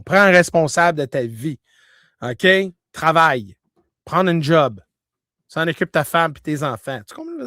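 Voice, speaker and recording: With a Québécois French accent, a man tells a personal story casually, often checking in with his listener and peppering his speech with "là" and "tu comprends." He is animated, swinging between loud bursts and hushed tones. His medium-pitched voice is captured in clean studio sound with no echo.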